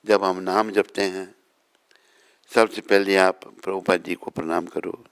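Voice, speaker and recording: Older-sounding swami, low and slow, gravelly; sermon with chanted prayers. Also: male voice, flat delivery. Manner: storytelling, chiding listeners, chanting prayers. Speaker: swami giving a morning lecture. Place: temple gathering.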